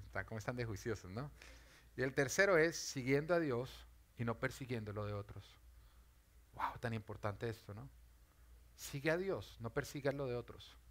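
A man, a pastor, preaching a sermon with earnest storytelling that swells loud on key lines. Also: medium pitch.

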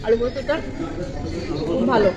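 A woman's voice: on the high side, expressive, racing, echoey room, muffled recording, over a noisy crowd. A woman eating and chewing while she talks, giving short verdicts on a meal in a casual food review. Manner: brief verdicts between bites. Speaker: food vlogger.

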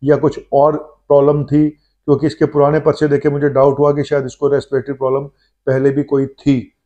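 A middle-aged man, a doctor, talking to the camera from his clinic about a case on a lapel mic, measured and thinking aloud with "uh" pauses. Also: a little high, monotone, mellow, muffled recording. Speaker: doctor hosting his own health channel. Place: indoor clinic room. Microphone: lapel mic, seated facing the camera.

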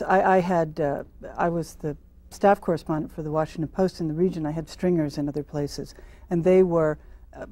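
Middle-aged woman journalist, low warm voice, lots of ums, telling reporting stories. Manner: thoughtful, hesitant with many fillers. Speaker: journalist, panel guest. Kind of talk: recounting experiences in a panel discussion. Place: TV studio with audience.

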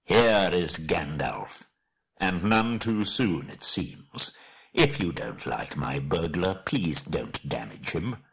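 A man voicing a stern old wizard in an audiobook, with a deliberate, wry and authoritative manner. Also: sits low, very animated, creaky, fairly bright tone, slightly rough, heavily acted.

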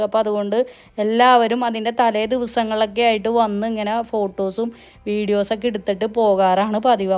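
A woman with a Kerala Malayalam accent narrates a travel vlog in a casual, chatty way. She talks very quickly at an average pitch for a woman. English words are mixed freely into her sentences. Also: darkish tone, clear, resonant tone. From Kerala, India. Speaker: travel vlogger.

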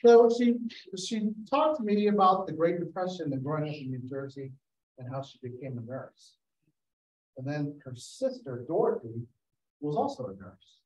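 Over a video call, a male photographer gives a guest slideshow talk full of anecdotes, performing the quotes of people he mentions. He is very animated, with a fairly high, darkish voice at normal speed. The lo-fi audio sounds roomy because he is far from the microphone.

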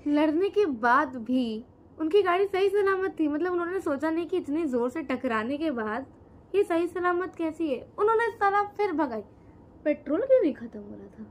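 A woman's voice: high voice, lively intonation, moderate pace. Chatty teen girl narrating horror. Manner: chatty, addresses viewers as guys, dry asides. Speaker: co-host storyteller. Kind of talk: casual horror storytelling. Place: indoor room, on a sofa.

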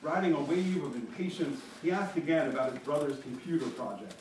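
A man's voice: on the high side, darkish tone, a little hiss or hum. Man reading fiction in an echoey room. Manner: measured, wry, chuckles at his own lines. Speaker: author reading his fiction. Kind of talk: literary reading. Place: college lecture room. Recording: very echoey room, mic far off.

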